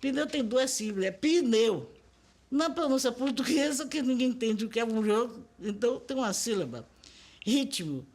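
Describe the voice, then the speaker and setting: A woman's voice: on the high side, expressive, moderate pace, darkish tone. An older woman with a Bahian accent, speaking as a linguist in a documentary interview, lecturing emphatically and asking rhetorical questions.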